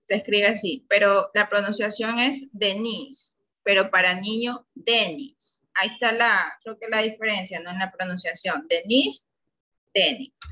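Patient Ecuadorian woman teacher, bright voice. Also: mid-range voice, moderate pace, low-quality recording. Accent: Ecuadorian Spanish. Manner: patient, coaxing questions to pupils. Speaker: primary school English teacher. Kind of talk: online class lesson.

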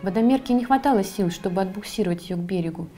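A woman, the author, reading her own fairy tale for children, with a calm, expressive delivery. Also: mid-range voice, quick pace, soft background music. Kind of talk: storybook narration for children.

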